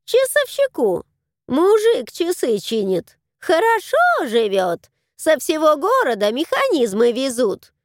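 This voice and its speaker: A woman voicing a raspy, sardonic female crow who talks in a mocking, gossipy way. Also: high-pitched, huge pitch swings, slow, no echo, clean studio sound, voice pushed up, heavily acted. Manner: mocking, cackling.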